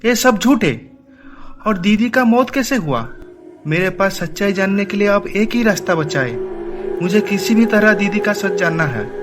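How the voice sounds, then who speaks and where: A man's voice: sits high, animated, normal speed, soft background music. A man voicing an earnest, determined uncle. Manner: earnest, questioning. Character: worried young uncle, determined adult man. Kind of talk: animated story voice acting.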